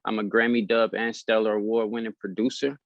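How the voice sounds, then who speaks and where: A man from Nashville, a music producer, introducing himself in a flat, matter-of-fact way. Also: fairly low pitch, a little fast, gravelly, no room sound. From Nashville, USA. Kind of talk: self-introduction. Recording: dull dry recording.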